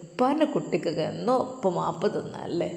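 A woman's voice: lowish voice, big pitch swings, fairly quick, gravelly, a little mellow, pitched below the performer's own voice. Woman doing a soothing, forgiving old father. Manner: soothing, comforting. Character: tender older father, forgiving. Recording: echoey room with long reverb.

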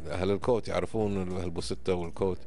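An emphatic, didactic podcast guest in his fifties with a Kuwaiti Gulf Arabic accent races through his explanations, frequently checking in with tags to confirm he's followed. His voice sits low with a darkish tone and fairly even intonation. Soft music plays behind him in the indoor studio, where a close boom-arm mic picks him up.

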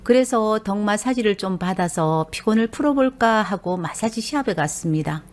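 A middle-aged woman telling a personal story in a lively, confiding way. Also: medium pitch, moderate pace.

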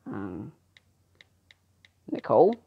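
A woman performing an amateur skit, reading the lines in a halting, unpolished way. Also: very deep voice, huge pitch swings, gravelly, slightly rough, highs cut off. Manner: unpolished, halting line delivery. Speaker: skit performer voicing both parts.

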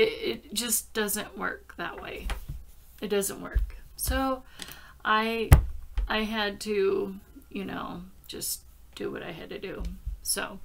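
A woman in her forties with a fairly high, fairly bright voice hosts a casual craft vlog, chatting to viewers and rambling as she narrates each step aloud. She's indoors in a small craft room at home, recorded by a laptop webcam at arm's length.

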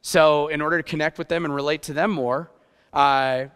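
His voice is on the high side, smooth and a bit bright, with fairly even intonation at a normal pace. The middle-aged man, a youth pastor guest-preaching on an indoor church stage who grew up partly in Japan, speaks conversationally and self-deprecatingly, asking rhetorical questions in a reverberant hall.

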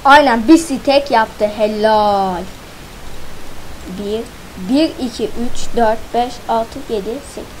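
High, chatty woman narrating gameplay. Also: takes it slowly, slight background noise, rough recording. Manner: chatty self-talk, counts aloud, playful slang. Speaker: gaming channel host. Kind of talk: casual let's-play commentary.

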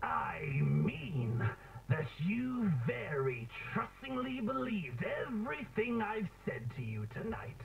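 The Joker, slow, wildly swooping villain. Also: male voice, sits high, wildly swooping pitch, vocal fry, a loud crowd, exaggerated voice. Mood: menacing. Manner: drawling, theatrical, with cackling laughter. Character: theatrical, menacing, mocking clown villain patient. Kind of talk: scripted analog horror acting. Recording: tinny, noisy degraded tape.

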